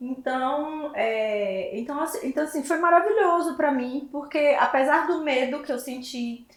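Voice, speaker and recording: A high-voiced woman speaks candidly and reflectively in a panel talk. She keeps checking in with her listeners through small tag questions. The room around her sounds noticeably echoey. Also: moderate pace. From Bahia, Brazil. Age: 40s. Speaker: dermatologist guest. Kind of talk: personal story in a panel talk. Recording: roomy echo.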